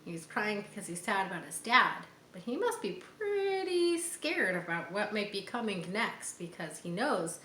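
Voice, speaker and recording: A woman in her forties reads a children's book aloud as a storyteller, performing it dramatically and adding explanatory asides for young listeners. Her mid-range voice is bright, forceful and sing-song, a little slow with few pauses. She is in a bright room by large windows, recorded by a camera a short distance away, and the sound is roomy with some background noise.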